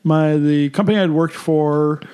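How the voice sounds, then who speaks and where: A man, talking in a loose, rambling way as a podcast co-host. His voice sits a little on the high side for a man, and he fills gaps with ums and uhs. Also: a little slow, clear, resonant tone. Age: 50s. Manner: relaxed, rambling with fillers. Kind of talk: casual chat.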